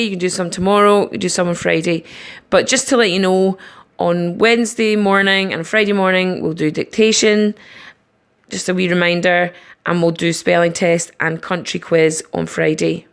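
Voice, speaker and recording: A woman teacher giving a recorded online lesson, patiently explaining each step slowly. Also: on the low side, steady tone, clear, resonant tone. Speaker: primary school teacher.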